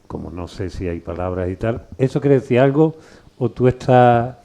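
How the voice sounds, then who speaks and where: A middle-aged or older man with an accent from Spain hosts a live talk. His voice is dark and relaxed at an average pitch. He speaks informally, wandering through anecdotes and repeating phrases. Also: moderate pace, gravelly. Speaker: book presentation host. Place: live book presentation with microphone.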